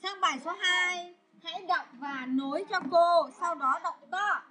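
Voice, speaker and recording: A woman teaching English to a class of children, asking questions loudly and scolding pupils who don't focus. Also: very high-pitched, a little slow, heavy background noise. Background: children chattering.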